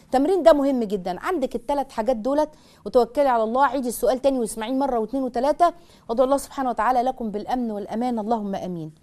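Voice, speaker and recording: A woman's voice: fairly high pitch, very fast, a little mellow. A woman with an Egyptian Arabic accent hosting a call-in show, giving earnest, step-by-step advice straight to the listener. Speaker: call-in show host and counselor.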